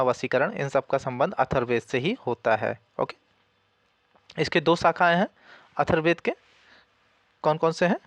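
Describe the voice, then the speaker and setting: A man's voice: fairly high pitch, no room sound. A man giving a casual spoken exam-prep lesson, asking questions and answering them himself, and repeating key points. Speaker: exam coaching teacher.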